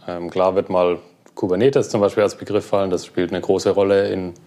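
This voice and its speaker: A young man being interviewed, talking relaxed about his work with many fillers. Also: low voice, brisk. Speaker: guest, cloud platform engineer. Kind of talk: casual interview.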